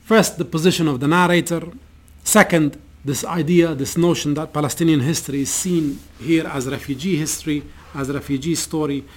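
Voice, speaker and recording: A man giving an academic lecture and reading passages from a novel aloud, in a measured, deliberate way with occasional restarts. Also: a little high, steady tone.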